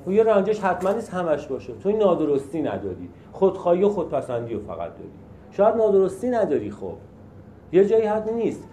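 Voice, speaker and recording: A man's voice: high-pitched, sing-song, warm tone, reverberant, slight background noise. Emphatic man leading a group session. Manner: emphatic, asks rhetorical questions, acts out examples. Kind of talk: teaching a support group.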